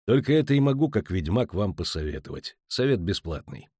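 A man voicing a calm, hardened monster hunter with a dry, sardonic manner. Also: deep voice, fairly quick, slightly rough, no echo, heavily acted.

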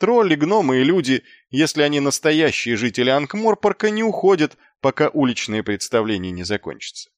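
Man narrating fantasy audiobook, animated intonation, dry studio sound. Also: a little high, a little fast, hardly any pauses, dry recording. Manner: lively, theatrical reading.

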